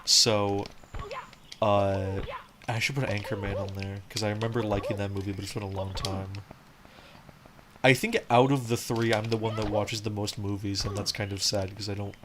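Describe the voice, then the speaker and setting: A man's voice: lowish voice, flat delivery, normal speed, crowd noise. Rambling man streaming a game. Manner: rambling, fills talk with "like", frequent restarts. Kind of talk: casual let's-play commentary. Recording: game music playing behind.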